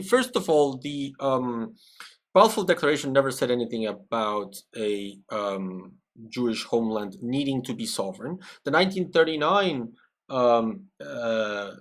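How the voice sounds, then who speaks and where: Stream commentator, male, fairly high voice, from Peru, analytical and conversational. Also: fairly bright tone. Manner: analytical, conversational, often tags "right?". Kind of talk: live-stream commentary reacting to a video with chat.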